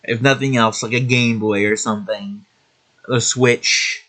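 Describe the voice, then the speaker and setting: A man's voice: mid-range voice, steady tone, unhurried, a bit bright. A man hosting a video game show, giving casual opinion commentary in a hesitant, rambling, matter-of-fact way.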